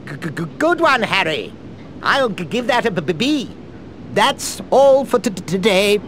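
A timid English wizard professor in a fantasy game. His voice is fairly high and swoops around, jittery and halting with a heavy stutter. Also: big pitch swings, a bit bright, slight background noise, exaggerated voice. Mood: nervous. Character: nervous, timid stammering male wizard professor. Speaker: teacher.

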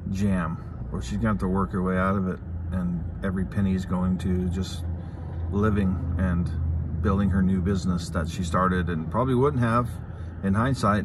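Middle-aged male vlogger, lowish pitch, candid and halting, phone recording in a car with faint noise. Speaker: vlogger, channel host. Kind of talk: casual, candid talk to the camera. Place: inside a parked car. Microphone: phone at arm's length.

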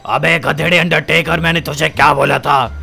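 A man's voice: fairly high pitch, fairly even intonation, moderate pace, vocal fry, sharp tone, breathy edge, full character voice. A man voicing an angry male gangster boss who scolds and threatens his men. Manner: barking, scolding.

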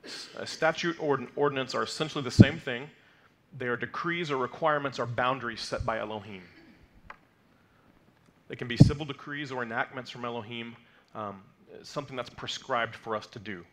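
The audio is poor as a medium-pitched man in his thirties speaks fairly quickly from a lectern in a mid-size sanctuary. Teaching the weekly Torah portion, he patiently explains terms with many fillers and "okay?" check-ins, and Hebrew is not his first language.

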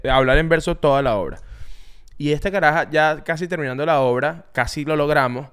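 A man's voice: a little high, brisk. A Venezuelan man co-hosting a podcast, telling stories in a casual chat and acting out quotes as he goes. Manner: animated storytelling with acted-out quotes. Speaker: podcast co-host.

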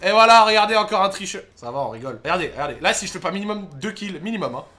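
A young man commentating his own gameplay, excitable, swearing and shouting at the game. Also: high-pitched, very fast, soft background music. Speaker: gaming YouTuber.

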